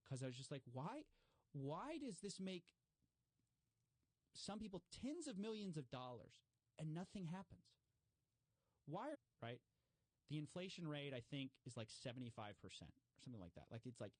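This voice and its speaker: A man speaking casually as an interview guest, talking at a mid pitch with loose phrasing and plenty of "like" and "you know." He gets lively whenever he quotes other people. The sound is dry and close, with no room echo. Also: moderate pace. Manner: animated, acts out quoted remarks with raised pitch; many fillers and restarts. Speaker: guest commentator on fraud stories.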